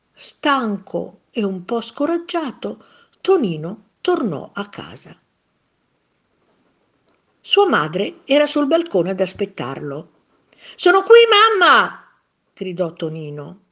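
A woman reading a children's story aloud as storyteller, slow and expressive. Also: medium pitch.

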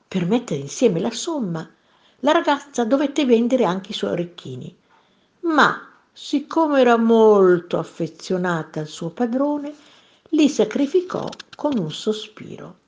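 Animated woman reading a children's story. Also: a little high, unhurried. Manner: expressive, playful storytelling. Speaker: narrator.

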